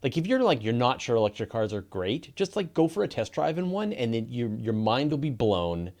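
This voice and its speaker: A man's voice: mid-range voice, sing-song, fairly quick, a little mellow. A Canadian man hosting a live podcast in casual, rambling chat, often laughing. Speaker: podcast host.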